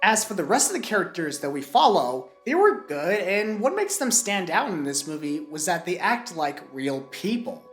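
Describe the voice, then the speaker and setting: A woman's voice: fairly low pitch, big pitch swings, moderate pace, hardly any pauses. A woman reviewing a film in a scripted video, her voice still recovering from a cold, with playful jokey asides. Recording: echoey room with music.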